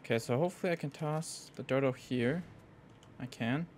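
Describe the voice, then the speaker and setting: A man's voice: medium pitch, normal speed, darkish tone, a little hiss or hum. A young man giving casual gameplay commentary in slangy, sweary frat-bro talk. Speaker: gaming video host.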